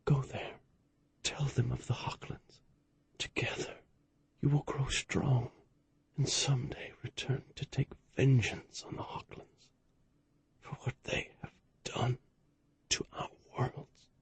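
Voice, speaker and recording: A man reading an audiobook, voicing a gravely burned, dying old male fleet admiral in a weak, fading whisper. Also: fairly low pitch, normal speed, few pauses, dark tone, no echo. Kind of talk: audiobook narration.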